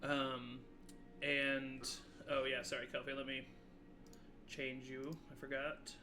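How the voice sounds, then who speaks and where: A man's voice: mid-range voice, completely flat delivery, background noise. A man speaking through a voice changer, narrating a tabletop game as game master with a hesitant, filler-heavy delivery. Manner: hesitant, many filler pauses.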